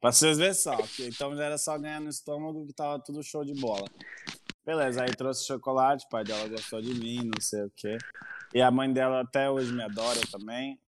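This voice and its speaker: A man's voice: mid-range voice, fairly even intonation, fairly quick, slight background noise. Young man rambling and stammering. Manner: rambling, stammering, swears freely. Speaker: co-host telling his story. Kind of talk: casual chat.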